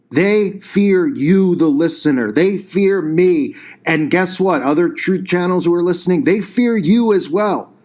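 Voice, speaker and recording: Intense, emphatic male commentator. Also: a little high. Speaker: channel host. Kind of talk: conspiracy commentary monologue.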